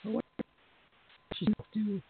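A man calling in to share a personal testimony, reflective, chuckling now and then as he recalls, his voice going hoarse. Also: takes it slowly. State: losing his voice. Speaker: caller. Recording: dry tinny phone line.

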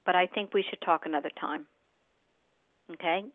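A woman's voice: fairly low pitch, steady tone, normal speed, a little hiss or hum. A woman working as a psychic medium, talking casually and directly in short bursts as she gives live readings to callers. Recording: narrow band, phone-like audio.

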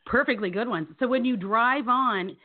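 A woman guest telling comic stories in an animated way, acting out the people she quotes. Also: fairly high pitch, moderate pace. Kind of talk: comic storytelling. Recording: thin phone-like audio.

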